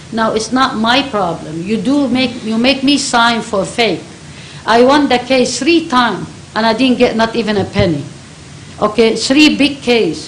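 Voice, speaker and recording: A woman's voice: on the high side, echoey room, a little hiss or hum, poor audio. A woman from Lebanon with a Lebanese accent, giving an impassioned public comment at a county board meeting in broken, repetitive English. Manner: emphatic, broken English, repeats herself.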